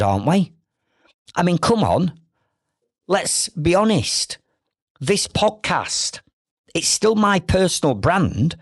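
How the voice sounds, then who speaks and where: A middle-aged man with a Northern English Yorkshire accent hosts a solo business podcast, speaking directly and persuasively and asking many rhetorical questions. His voice is a little high, and the recording is dry and studio-clean.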